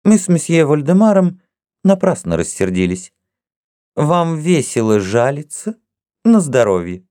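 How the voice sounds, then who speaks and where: A man's voice: fairly high pitch, sing-song, unhurried, mellow, dry recording, clean studio sound, voice pushed up. A man voicing a proud, teasing young princess in an audiobook reading, with a haughty, mocking manner. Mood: cold.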